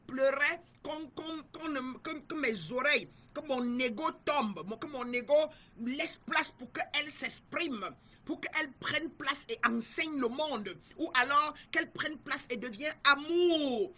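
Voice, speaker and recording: A woman's voice: high voice, measured pace, bright, forceful tone. A middle-aged woman from Cameroon, a spiritual guide giving an emphatic, repetitive teaching talk and speaking straight to her listeners.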